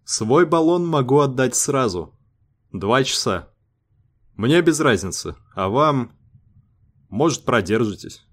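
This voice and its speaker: A weary, fatalistic cosmonaut, voiced by a man, speaking quietly with a sighing resignation. Low and slow, read as an audiobook scene. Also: animated. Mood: offering. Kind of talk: audiobook character voice.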